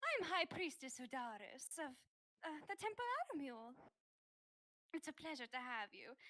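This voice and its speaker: A woman voicing a graceful, slightly unsettling bird-like high priestess who speaks formally and politely. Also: sing-song, bright, forceful tone, exaggerated voice. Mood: gracious. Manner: formal, polite, halting in-character speech.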